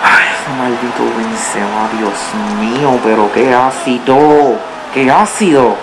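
A man's voice: mid-range voice, takes it slowly, over music, rough recording. A man commentating his own football video game match, groaning, cursing and cheering at the play and slipping into English. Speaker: gaming YouTuber. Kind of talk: gameplay commentary.

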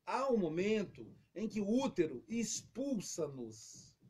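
A man speaking as an interview guest, telling a lively story and acting out quotes in casual explanatory talk. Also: high-pitched, takes it slowly, slightly rough.

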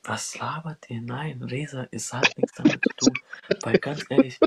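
A man's voice: mid-range voice, normal speed, creaky, crowd noise. A man arguing religion in an online voice chat, repetitive and pleading, calling the others brother. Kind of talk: heated religious debate.

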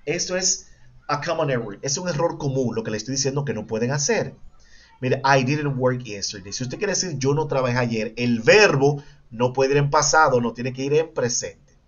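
A male English teacher giving an online class, moving between Spanish and English and repeating each example slowly. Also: medium pitch, lively intonation. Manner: quizzes himself aloud with pupils' questions. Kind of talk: online class explaining grammar. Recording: dull lo-fi sound.

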